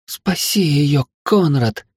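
Guy doing a frantic young woman, high and loud, begging for help. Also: expressive, takes it slowly, slightly rough, no echo, clean studio sound, exaggerated voice. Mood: pleading. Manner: shrill, frantic pleading.

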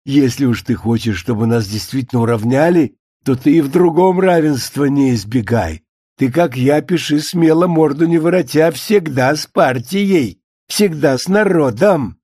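A man's voice: a little high, normal speed, warm tone, slightly rough, no room sound, studio quality. Man voicing a blustering Soviet bigwig. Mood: lecturing. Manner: scornful, hectoring tirade. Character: pompous older male Soviet official, boozy, blustering.

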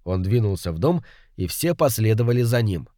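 A man reading a detective story aloud as narrator in an expressive manner. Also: lowish voice, brisk, dry recording, clean studio sound.

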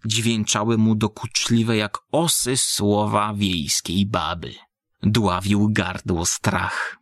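A man reading a literary story aloud in measured, dramatic narration, voicing the characters. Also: fairly low pitch, steady tone, a bit bright, no room sound, clean studio sound.

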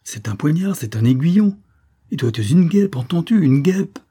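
A man's voice: mid-range voice, moderate pace, mellow, slightly rough, lightly acted. A man reading aloud, voicing an eager, flustered young lieutenant in an audiobook story, exclaiming and insisting. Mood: insistent.

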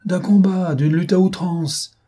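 A man's voice: fairly low pitch, moderate pace, mellow, slightly rough. A man voicing a burly male master gunner who bellows threats in a menacing tone. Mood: blustering. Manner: thundering, menacing.

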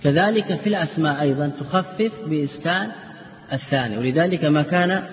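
A man's voice: a little high, fast, soft background music. A man teaching a classroom lecture. He quizzes his students with rhetorical questions, answers them himself, and drills word forms over and over. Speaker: Islamic scholar teaching a class. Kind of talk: classroom lecture on legal theory and grammar. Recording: dull echoey hall lecture recording.

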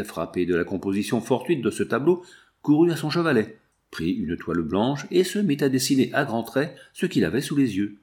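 A man narrating a classic novel in an expressive, steady reading voice. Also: fairly low pitch. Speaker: audiobook reader. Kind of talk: scripted narration.

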